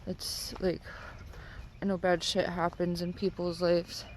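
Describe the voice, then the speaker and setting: A stoned woman rambling casually and haltingly, with lots of filler "like"s, as she vlogs on a walk. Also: lowish voice, completely flat delivery, a little mellow, a little hiss or hum, poor audio. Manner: rambling, halting, heavy use of "like". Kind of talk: casual rambling vlog talk. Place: outdoors, on a walk.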